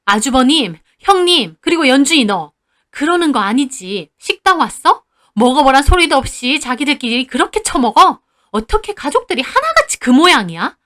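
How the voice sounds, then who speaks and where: A woman's voice: high-pitched, lively intonation, normal speed. Woman playing a fed-up, confrontational mother. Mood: angry. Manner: sharp, confrontational, raised voice. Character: fed-up middle-aged mother defending her daughter.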